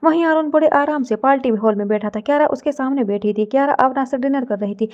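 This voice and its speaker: A woman tells a dramatic romance story in a steady, storytelling manner. Her voice is high and mellow, and the recording sounds dull and lo-fi. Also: fast talker.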